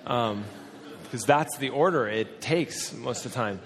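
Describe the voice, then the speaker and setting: A man in his forties, a pastor, preaching a sermon and telling personal stories in an animated, self-deprecating way. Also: medium pitch, unhurried, a little hiss or hum. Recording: hall with long reverb.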